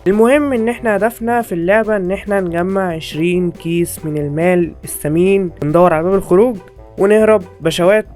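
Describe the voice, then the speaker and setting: A young man with an Egyptian Arabic accent giving jokey, excitable horror game commentary to his viewers from a home setup. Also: high-pitched, fast, soft background music. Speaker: gaming YouTuber.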